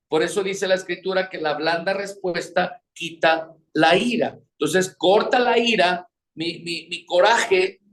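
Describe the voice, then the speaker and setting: Man, pastor preaching, rhetorical questions, somewhat high voice. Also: fairly bright tone. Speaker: pastor teaching on marriage. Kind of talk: sermon.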